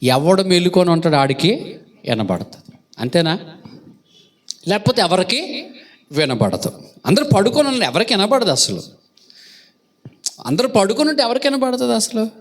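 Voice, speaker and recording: A male pastor preaching a sermon, asking the congregation questions and acting out loud calls. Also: high-pitched, very animated, normal speed, pauses often. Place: church hall.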